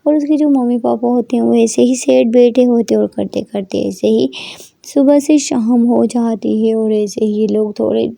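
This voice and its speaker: A woman's voice: a little high, fairly even intonation, normal speed, creaky, warm tone, no room sound. A woman telling a story casually, in rambling, repetitive phrasing.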